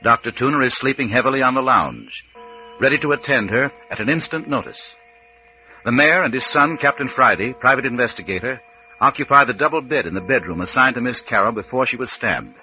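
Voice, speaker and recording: A man's voice: mid-range voice, fairly quick, sharp tone. A man narrating a scripted old-time radio mystery as announcer, solemn and dramatic. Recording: muffled lo-fi radio recording with hiss.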